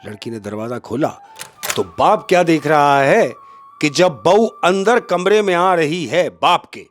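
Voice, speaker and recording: An animated male storyteller with a fairly high voice, telling a comic tale on a podcast. His pitch swoops widely as he dramatizes, and faint music sits behind him. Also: unhurried. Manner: expressive, addresses the host often.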